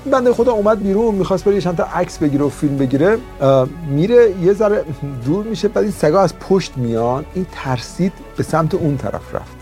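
Animated Persian-speaking male life coach. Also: high voice, soft background music. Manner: storytelling, emphatic, shifts between slow stresses and quick bursts. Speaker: self-help teacher. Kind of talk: motivational talk.

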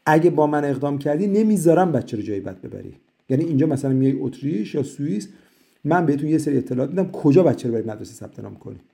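A man's voice: fairly high pitch, animated, creaky, dark tone. A middle-aged man answering questions as an immigration consultant in a live session, talking emphatically and persuasively.

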